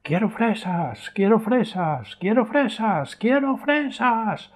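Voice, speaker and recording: A small boy in a tantrum, whining his demand again and again in a high, drawn-out voice, voiced by a man lecturer. Every line is a stubborn, slow wail. A husky edge stays under the voice. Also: expressive, heavily acted. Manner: whiny, repeating demands.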